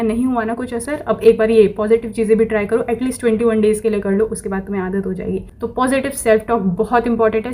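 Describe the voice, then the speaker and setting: A self-improvement vlogger talks casually to camera in a slightly high voice with a dark tone. Her motivational talk repeats phrases over and over, with affirmations slipped in throughout.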